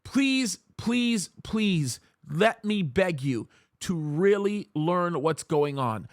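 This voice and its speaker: Very slow yet animated, a high-pitched male pastor preaches to camera with emphasis, pleading with viewers and repeating phrases for weight. His first language is English, with Arabic as a second. There's no echo, just clean studio sound.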